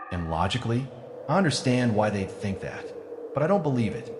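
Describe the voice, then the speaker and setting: Low-voiced man narrating suspenseful horror. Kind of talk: scripted first-person horror narration.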